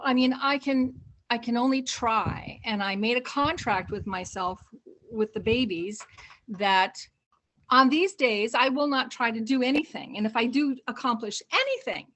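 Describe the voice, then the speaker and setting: A woman on a video call, telling a personal story in a halting, animated way with sighs and restarts. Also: fairly high pitch. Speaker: participant sharing in an online group.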